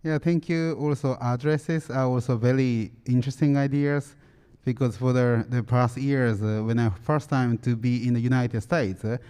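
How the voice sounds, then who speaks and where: A man's voice: medium pitch, mellow, clean tone. A man moderates a symposium panel, speaking hesitantly in plain phrasing. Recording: reverberant hall.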